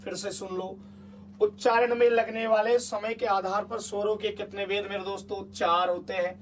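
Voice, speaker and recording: High-voiced man teaching a coaxing lesson. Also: little pitch movement, normal speed, far from the mic, slight background noise. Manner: chatty, coaxing, asks the class repeated check questions. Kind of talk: exam-prep lesson.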